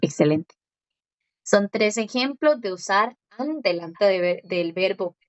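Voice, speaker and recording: A woman teaching a Korean lesson in Spanish, explaining step by step and repeating words slowly. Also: medium pitch, expressive, no echo, lo-fi sound. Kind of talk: one-on-one language lesson.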